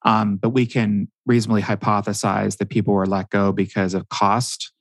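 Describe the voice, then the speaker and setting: A man speaking as a guest expert in a podcast interview, telling stories in an animated way and dropping frequent ums. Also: on the low side, normal speed, no room sound.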